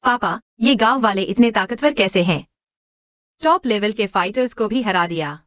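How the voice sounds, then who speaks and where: An actress dubbing a soft-spoken young daughter-in-law who worries for her husband. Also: mid-range voice, expressive, normal speed, no room sound, muffled recording, close to an everyday voice. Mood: amazed. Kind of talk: Hindi drama dubbing.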